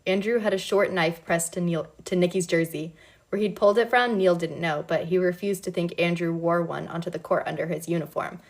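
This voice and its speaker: A woman reading a novel aloud in a relaxed, casual way, now and then breaking off to comment. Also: lowish voice, a little fast. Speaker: reader.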